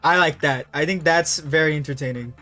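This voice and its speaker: A man's voice: fairly high pitch, a little fast, sharp tone, faint music behind. A young man streaming live, chatting casually and telling profane, rambling anecdotes.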